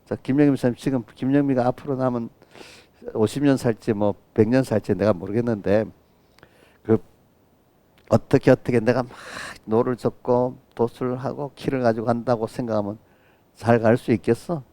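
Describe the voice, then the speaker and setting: A man's voice: mid-range voice, fairly even intonation, moderate pace, warm tone, dry recording. A middle-aged man preaching an early-morning sermon as pastor, talking with the congregation and often asking "right?". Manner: acts out quoted voices of children and God in his own voice.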